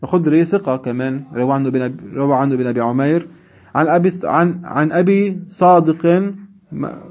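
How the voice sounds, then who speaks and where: A man's voice: a little high, a little mellow, highs cut off. A man teaching a seminary class, reading classical texts and explaining them in dialect with chuckling asides. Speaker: religious studies teacher.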